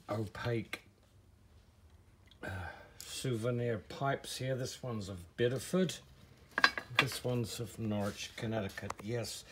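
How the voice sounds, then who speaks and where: A man hosting a casual video, slowly commenting on antique glass with frequent fillers. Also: lowish voice, slight background noise. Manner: slow, relaxed, admiring commentary with fillers. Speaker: antique shop video host. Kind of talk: casual walkthrough narration. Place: indoor antique shop.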